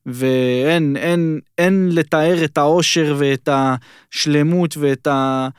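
A man's voice: on the high side, steady tone, clean tone, dry recording, studio quality. A man speaking earnestly and emphatically as a guest in a casual sports chat. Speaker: podcast guest.

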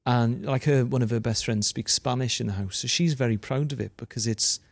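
Here the Welsh comedian, raised speaking Welsh, talks a little fast in a creaky, mid-range voice with no room sound. He's a guest in a conversational interview, chatty and prone to restarting and wandering into asides.

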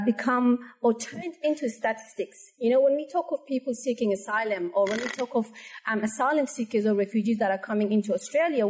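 A woman from Afghanistan giving an earnest, measured presentation as a panel speaker at a conference. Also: a little high, darkish tone, rough recording. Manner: earnest, measured address to an audience.

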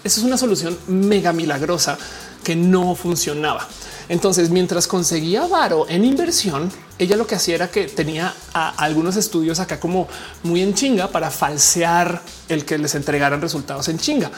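A woman with a Mexican accent and a low voice, chatting casually to her viewers in a slangy, rambling way full of fillers. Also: moderate pace, faint music behind.

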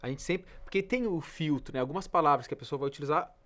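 A man's voice: on the high side, fast talker, fairly bright tone. A man, a biology teacher guesting in a casual chat, friendly and self-deprecating.

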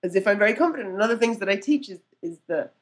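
A woman coach talking on a podcast in a mid-pitched voice, lively and self-deprecating. She laughs easily and slips into little voices to act out what people said. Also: very fast. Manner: lively, acts out quotes with changed voices. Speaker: guest, networking mentor and storytelling coach. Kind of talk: casual podcast conversation.

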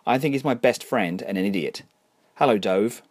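A man's voice: on the low side, normal speed, natural voice. A man reading the lines of a level-headed Englishwoman with an English accent, dry and blunt. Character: blunt, steady young Englishwoman.

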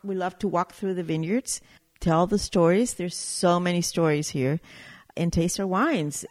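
A Chilean winery owner with a fairly low, slightly mellow voice chats casually as an interview guest. She tells stories and searches for words as she talks.

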